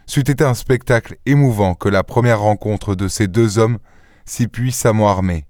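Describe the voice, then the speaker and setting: Narrateur posé au son sec. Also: male voice, lowish voice, darkish tone, dry recording, studio quality. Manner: measured, literary. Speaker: audiobook reader. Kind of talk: scripted narration.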